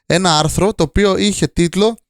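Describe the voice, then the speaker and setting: A man's voice: high voice, dry recording. A young man from Serres co-hosting a podcast, joking wryly in casual chat. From Serres, Greece. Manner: wry, joking, storytelling. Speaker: podcast co-host.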